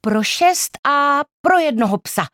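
A woman's voice: high voice, lively intonation, fairly bright tone, no echo, clean studio sound, voice pushed up. A woman voicing a decisive middle-aged aunt who speaks firmly and emphatically in a storybook reading. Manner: firm, emphatic.

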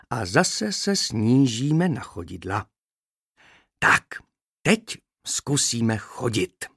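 Boženka is a patient female bee trainer from a children's storybook, coaxing and instructive, with a lively, sing-song lilt, as a man reads her. The voice has a gravelly edge and sounds dry and close. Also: fairly low pitch, no echo, heavily acted.

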